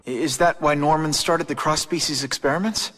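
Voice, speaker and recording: A man playing an earnest, wisecracking young superhero in a video game, with an American accent and a youthful, expressive delivery. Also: a little high, fairly quick. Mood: concerned, subdued. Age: young adult. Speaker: voice actor. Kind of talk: video game cutscene acting.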